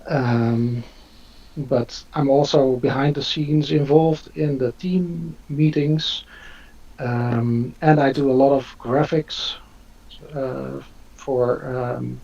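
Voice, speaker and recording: A man's voice: mid-range voice, steady tone, slow pace, creaky, dark tone, slightly rough. A man, hosting a live Q&A on a video call, talking hesitantly with many fillers. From Netherlands. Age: 50s. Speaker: host. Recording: dull lo-fi audio.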